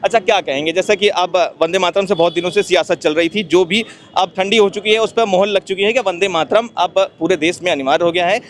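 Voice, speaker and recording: A man with a high voice works as a street reporter. He presses passersby with persistent questions outdoors. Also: fairly quick, few pauses, slight background noise. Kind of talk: street vox-pop interview.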